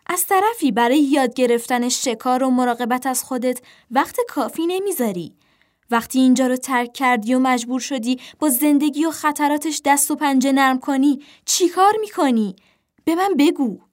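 A woman's voice: fairly high pitch, expressive, natural voice. A stern father crow in a storybook, scolding his dreamy son at the top of his voice, played by a woman reading the tale. He is proud of some children and furious with one, worried under the anger. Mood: angry. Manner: scolding, shouting.

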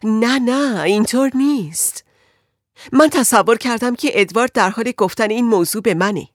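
A woman's voice: a little high, no echo, studio quality, voice pushed up, close to an everyday voice. A woman voicing an anxious married woman who pleads and frets about her husband in an audiobook. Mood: distressed. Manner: agitated, pleading.

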